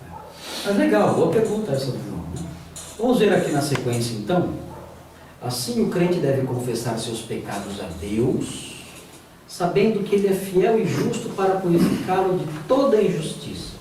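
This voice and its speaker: A man's voice: fairly high pitch, very animated, normal speed, dark tone. A man, a pastor, teaching a theology class in a conversational way, often acting out the voices of the people he quotes. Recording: echoey room, distant mic, noisy.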